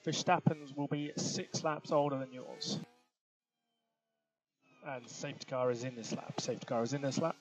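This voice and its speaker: This man's mid-range voice holds a steady tone as he works as a Formula One race engineer, issuing clipped procedural instructions to a driver. He keeps a moderate pace but pauses often, speaking into a radio headset over a noisy motorsport link with a team radio filter.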